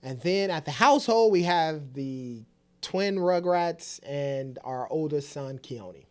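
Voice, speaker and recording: Co-hosting a family vlog with his partner, a man in his late 30s chats casually and conversationally. He speaks slowly and animatedly in a smooth, darkish voice that leans high.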